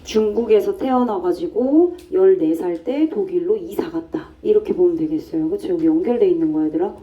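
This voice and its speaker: A woman's voice: lowish voice, fairly quick, distant mic, highs cut off. A woman teaching an English grammar lesson to a class, explaining step by step and asking and answering her own questions. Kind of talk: classroom lecture.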